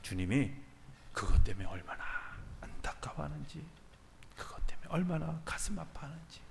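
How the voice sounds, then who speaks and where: A man preaching a sermon as pastor, swinging from loud urging to soft near-whispers. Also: fairly high pitch, big pitch swings, normal speed, vocal fry, noisy background. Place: church sanctuary. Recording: church hall with long reverb.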